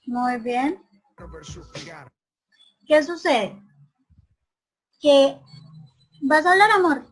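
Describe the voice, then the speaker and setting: Woman teacher in an online class, high voice, keeps checking in with students. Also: expressive, drawn-out words, low-quality recording. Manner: asks many questions, often ends with "¿cierto?".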